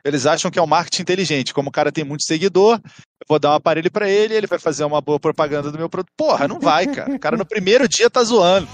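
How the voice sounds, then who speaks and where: Blunt Brazilian man from Rio, fairly high voice. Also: very fast, dry recording. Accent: Brazilian Portuguese, Rio. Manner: blunt, complaining, sweary. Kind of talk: casual chat.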